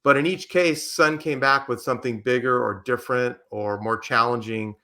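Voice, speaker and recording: Man, American accent, older, bright forceful voice, storytelling guest. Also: medium pitch, normal speed. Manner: lively anecdotes with acted quotes. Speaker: podcast guest. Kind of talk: storytelling interview answer.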